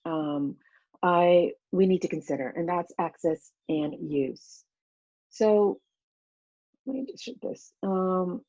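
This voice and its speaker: Over a video call on her computer mic, a woman in her thirties originally from Vietnam, a teacher educator, gives a casual conference talk peppered with fillers like "um" and "you know." Her voice is lowish and warm, and the recording is dry and lo-fi.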